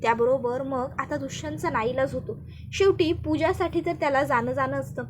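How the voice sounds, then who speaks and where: High-voiced woman narrating a story recap. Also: normal speed, background noise. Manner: plain, running narration.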